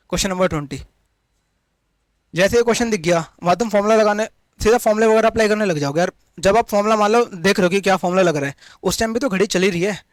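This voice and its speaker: A man teaching an exam-prep maths lesson, working quickly through sums step by step and speaking straight to his students. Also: high voice, dry recording.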